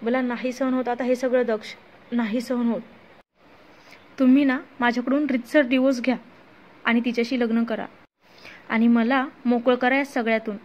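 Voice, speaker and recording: A woman's voice: fairly high pitch, level tone, moderate pace, long pauses, a little mellow, natural voice. A woman doing a hurt, tearful young wife. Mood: hurt, bitter. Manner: tearful, pleading. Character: hurt young wife confronting her husband, then a terrified captive.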